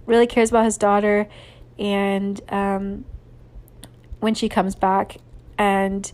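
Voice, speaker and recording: A woman chats casually on her solo podcast. She gushes sentimentally and fills her sentences with ums and likes. Her voice sits at an ordinary middle pitch for a woman. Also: darkish tone. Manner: gushing and sentimental, with frequent fillers. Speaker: podcast host.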